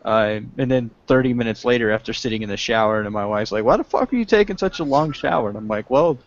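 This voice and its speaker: This podcast co-host, a young man, speaks in a mid-range voice with lively intonation on a dry recording. He's at home on a video call, his webcam mic giving dull lo-fi sound, as he jokes, laughs a lot and stretches out his delivery while talking politics casually.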